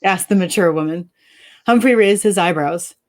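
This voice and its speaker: An author reading her story with expression, then chatting cheerfully and laughing easily. Her voice sits a little low for a woman. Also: normal speed. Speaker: author and co-host. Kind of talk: dramatic story reading and casual chat.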